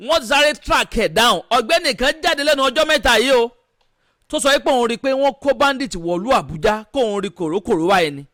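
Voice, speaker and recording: A Nigerian-accented man delivers opinionated news commentary at a rapid clip. His pitch runs high and the sound is close and dry. He drops English phrases into his speech and questions indignantly. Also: animated, bright, forceful tone, no echo. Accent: Nigerian Yoruba-language accent. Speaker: online news presenter.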